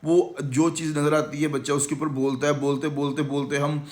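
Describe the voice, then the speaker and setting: A man with a Pakistani Urdu accent pitches his English course in a confident, salesy way. He talks in a slightly raised voice and drops English words into his Urdu. It sounds like a promotional lesson given to camera. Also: flat delivery, normal speed. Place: language institute.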